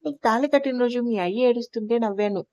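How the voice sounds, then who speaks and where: A woman's voice: on the high side, fast, warm tone, dry recording, clean studio sound, close to an everyday voice. A woman voicing a young male don who speaks bluntly and gives orders in a commanding tone. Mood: irritated.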